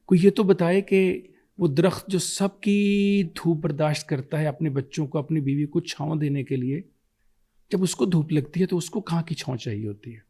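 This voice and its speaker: A man's voice: fairly high pitch, fairly even intonation, dark tone, breathy edge. Male guest, Pakistani Urdu accent, fervent orator who builds long runs of rhetorical questions. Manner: rhetorical questions, impassioned and preaching. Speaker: guest speaker. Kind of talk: emotional oratory on fathers.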